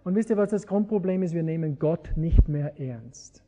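A man's voice: on the high side, expressive, normal speed, warm tone. A man preaching a sermon, engaging his listeners with rhetorical questions. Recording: long hall reverb.

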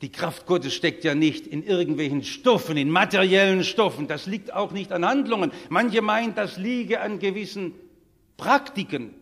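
A man preaching a sermon, emphatic, swinging between loud declarations and quiet asides, speaking straight to the congregation. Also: high voice, normal speed, in a large hall. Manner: addresses the congregation directly. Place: church service.

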